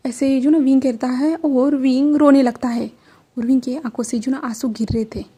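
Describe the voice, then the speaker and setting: A woman's voice: high voice, steady tone, moderate pace, dark tone, breathy edge. A woman casually narrating a fan-fiction story, retelling it with many fillers.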